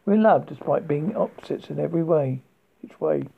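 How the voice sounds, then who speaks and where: Halting amateur book reader, husky voice, tinny phone-like recording. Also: medium pitch. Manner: halting, with frequent slips and restarts. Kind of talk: amateur reading of book extracts.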